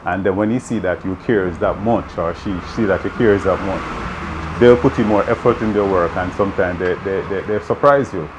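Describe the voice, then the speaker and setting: A Jamaican man in his fifties, a math teacher, speaks in a low voice at a moderate pace, earnestly explaining his views in an interview and often saying "you know." He's outdoors on an open veranda, with noise in the background.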